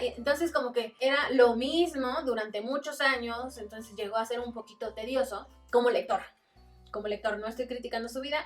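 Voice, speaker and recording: A woman with a Mexican accent talks through a book in a relaxed vlog, dropping into quick voices for quoted exchanges. Her voice sits a little high. She is set back from the microphone, with faint music playing underneath. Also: distant mic. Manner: chatty, acts out quotes with voices. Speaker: book reviewer. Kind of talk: casual book review vlog.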